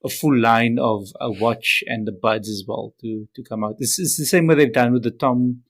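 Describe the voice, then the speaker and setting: A man's voice: mid-range voice, moderate pace. A South African man co-hosting a casual tech podcast, rambling through points with hesitant restarts.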